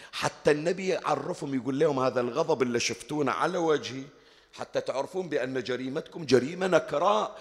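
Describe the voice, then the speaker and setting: A man delivers a religious sermon in a high voice that rises and falls with wide animation, shifting from loud, emphatic declaiming to quiet asides. A long reverb from a large hall trails after his words.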